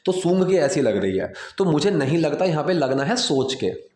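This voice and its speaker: Man, English teacher, explains grammar in Hindi, step by step, slightly high voice, echoey room. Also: big pitch swings, normal speed, a little mellow. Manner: patient, step-by-step explaining, repeats key phrases.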